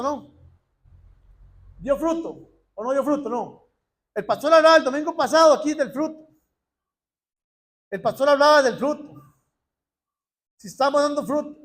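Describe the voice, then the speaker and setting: A man preaching in church with a strikingly high voice. He hammers key words again and again with fervent repetition and slows right down when he reads scripture aloud. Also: fairly bright tone. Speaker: lay preacher. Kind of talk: sermon.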